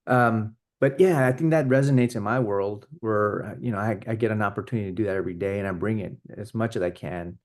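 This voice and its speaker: Low-voiced earnest man retelling a story. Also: fast, few pauses. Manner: earnest, storytelling, many restarts. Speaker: podcast co-host. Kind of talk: casual conversation.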